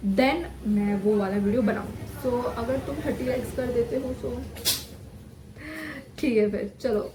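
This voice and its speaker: Animated young woman telling a story. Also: on the high side, measured pace, background noise. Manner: lively, animated, self-mocking; says her voice is normally loud. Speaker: vlogger. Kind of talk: casual storytelling vlog. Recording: echoey room with faint ambience.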